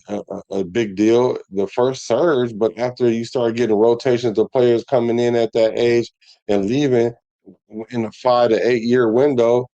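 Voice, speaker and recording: A man's voice: medium pitch, dark tone, no echo, dull audio. A man hosting a sports show, talking casually to his viewers in a rambling way full of restarts. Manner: rambling, conversational, with many restarts and fillers.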